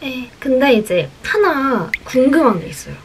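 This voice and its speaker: A woman's voice: high voice, moderate pace, slight background noise. A woman vlogger telling a school story in a casual, chatty way, acting out the quotes as she goes. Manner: animated, acts out quotes, chatty.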